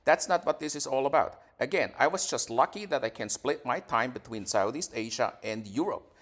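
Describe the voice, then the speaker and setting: Being interviewed casually, this man from Switzerland, a YouTuber in his forties, gets defensive and keeps repeating words and starting sentences over. He sounds expressive, with a mid-range, fairly bright voice, and talks a little fast.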